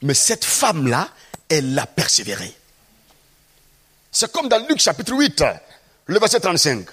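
A man's voice: fairly high pitch, huge pitch swings, a little slow, sharp tone, slightly rough. A man preaching a sermon, acting out scenes from the Bible and asking the congregation rhetorical questions.

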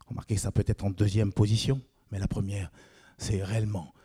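A man preaching a sermon, animated, often rising high for emphasis, asking his listeners questions and filling pauses as he goes. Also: husky. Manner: frequent fillers "eh bien".

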